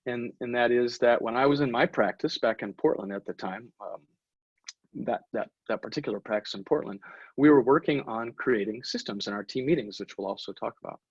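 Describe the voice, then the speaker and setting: A man's voice: medium pitch, fairly quick, husky, no echo, dull audio. A man, a dentist, giving an online continuing-education talk that leans on stories, acting out office conversations as he goes. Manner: animated, acts out office dialogue in stories. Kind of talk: online lecture with storytelling. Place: at home, away from the office. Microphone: webinar computer mic.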